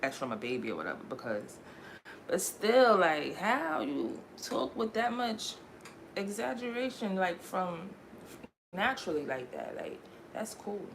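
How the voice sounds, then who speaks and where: A woman's voice: mid-range voice, big pitch swings, unhurried, gravelly, slight background noise. Young woman rambling slangily on a livestream. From raised in Connecticut. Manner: rambling, slangy, laughs often. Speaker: livestream host. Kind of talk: casual livestream chat.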